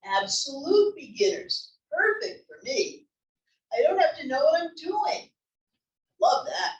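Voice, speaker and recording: In a table read of a comedy play, a woman voices a cheerful, adventurous older wife in an upbeat, playful mood. Her voice sits high, very animated and a little slow, captured with lo-fi, roomy, distant sound at a library table.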